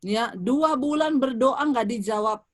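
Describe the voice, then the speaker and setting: A woman's voice: fairly high pitch, animated, measured pace. Woman preaching a storytelling sermon. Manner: addresses the congregation as "saudara", vivid storytelling. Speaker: evangelist preacher. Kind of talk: sermon with personal testimony. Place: church service.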